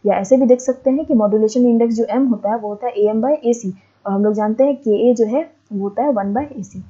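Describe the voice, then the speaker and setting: A lecturer derives formulas at the board, patiently repeating steps and posing the next question to herself. Her very dark, mellow, husky voice sits a little high and moves a little fast. The lo-fi lecture audio is dull and muffled.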